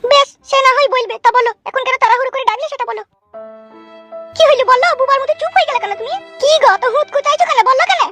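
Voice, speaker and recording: A woman doing a squeaky, pushy young village wife. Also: very fast, fairly bright tone, no room sound, soft background music. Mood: insistent.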